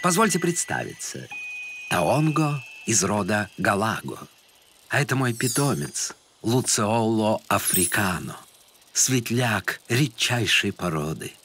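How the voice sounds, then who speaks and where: A man's voice: lowish voice, very animated, slow, a bit bright, soft background music, heavily acted. A man voicing a pompous, gallant galago in a children's cartoon, speaking in a florid, courtly way.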